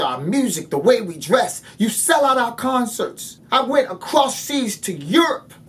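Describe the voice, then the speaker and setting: A young man delivering an impassioned, blunt monologue to camera, full of profanity and rhetorical questions. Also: sits high. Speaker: video creator.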